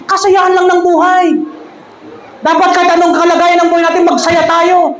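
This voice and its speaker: A woman preacher with a high, bright voice delivers a sermon full of jokes and easy laughter, speaking straight to her congregation. Her voice rings through a roomy church hall, with a faint hum of ambience underneath. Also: little pitch movement, normal speed. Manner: addresses the congregation directly. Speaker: pastor.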